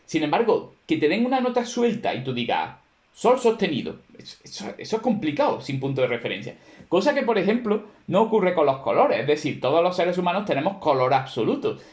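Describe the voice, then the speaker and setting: Lively-voiced male teacher in an echoey classroom. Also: on the high side, a little fast. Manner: explanatory, conversational, with many fillers and rhetorical questions. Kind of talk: classroom lecture.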